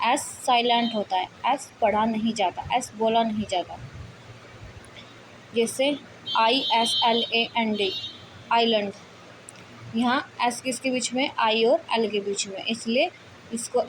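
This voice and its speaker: Young female teacher, slightly high voice, patient and repetitive, quizzes the viewer; faint background noise. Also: low-quality recording. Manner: slow and patient, repeats and quizzes the listener. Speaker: English teacher. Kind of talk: spoken Hindi lesson on English spelling.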